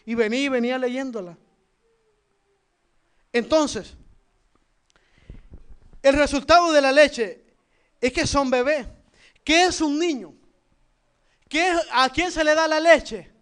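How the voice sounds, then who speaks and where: A Salvadoran man preaching in a strikingly high voice. He fires questions at the congregation one after another, swinging from soft asides to loud emphasis. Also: a little slow, pauses often. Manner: lively, shifts between loud and soft. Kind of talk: sermon.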